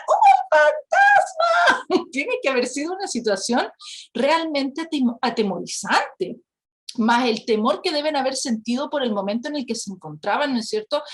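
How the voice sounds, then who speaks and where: A woman teaching a Bible lesson, telling the story with lively rhetorical questions and acting out the characters. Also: sits high. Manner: acts out quoted characters.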